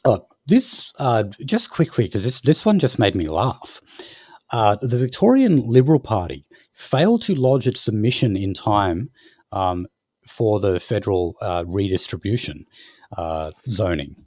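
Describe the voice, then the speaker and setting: A man's voice: on the low side, sing-song, a little slow, darkish tone, no echo, clean studio sound. A man co-hosting a podcast, reading out news stories in a hesitant way with many fillers. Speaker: podcast co-host. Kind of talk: casual news discussion.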